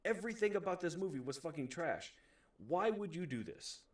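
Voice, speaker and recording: Recorded from a distance, a man speaks briskly in a high-pitched voice with lively intonation. He hosts a video reviewing movies, ranting casually to camera with strong opinions, plenty of emphasis, exasperation and lots of profanity.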